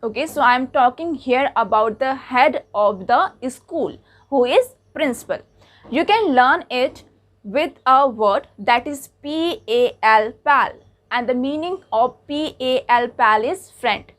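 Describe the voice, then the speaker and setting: High-voiced woman teaching slowly. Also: expressive, a bit bright. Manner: spells words letter by letter, slow in English, quicker in Hindi. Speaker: English teacher. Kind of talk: bilingual vocabulary lesson.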